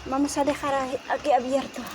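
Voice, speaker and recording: A woman's voice: sits high, little pitch movement, brisk, background noise. A woman vlogging casually, talking to her dog in a playful, teasing sing-song way.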